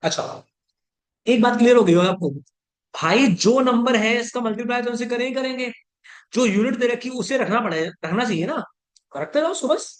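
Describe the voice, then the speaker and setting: Lecturing on chemistry in class, a male teacher speaks in a very high voice with lively intonation. He constantly checks whether students have understood and blends in English terms, dictating slowly and explaining quickly.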